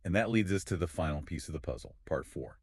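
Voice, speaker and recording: A man's voice: deep voice, lively intonation, fast, no room sound, studio quality. A man co-hosting an explanatory podcast, confidently walking through ideas step by step. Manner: confident, explains in clear steps. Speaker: podcast co-host.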